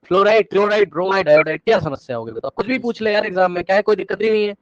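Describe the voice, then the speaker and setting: A male teacher giving a live online class lecture, energetic, repeating words rapidly to prod his students and coaxing them with questions. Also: high-pitched, no echo. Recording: dull, dry online-class audio.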